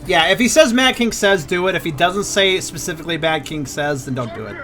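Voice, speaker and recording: A man's voice: fairly high pitch, lively intonation, fairly quick, sharp tone, soft background music. A man chatting casually and informally, with some swearing, while playing an online game with friends. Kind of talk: casual chat while gaming.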